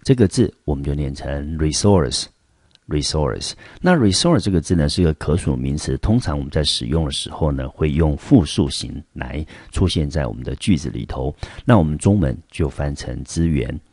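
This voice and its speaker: A man's voice: very deep voice, animated, brisk, hardly any pauses, a little mellow, breathy edge, dry recording, studio quality. A man from Taiwan teaching English vocabulary in a patient, explanatory way, stretching his filler words as he goes. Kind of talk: vocabulary lesson.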